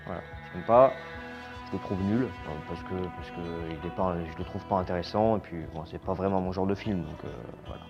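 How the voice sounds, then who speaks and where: A man giving a casual, opinionated horror film review. He is blunt and slangy, and his voice trails off quietly at the ends of phrases. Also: lowish voice. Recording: slightly dull lo-fi sound with faint music.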